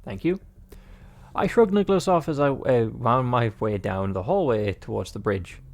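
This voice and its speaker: A man's voice: mid-range voice, lively intonation, normal speed, creaky. A man playing through a visual novel, reading the narration aloud and adding rambling, joking remarks full of fillers. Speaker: game player and narrator.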